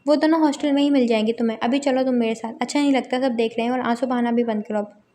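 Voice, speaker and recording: A woman's voice: fairly high pitch, fairly even intonation, quick pace, dark tone, slight background noise, close to an everyday voice. A woman reading the part of a brash young man at a university, teasing and domineering in a romance novel. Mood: teasing, insistent.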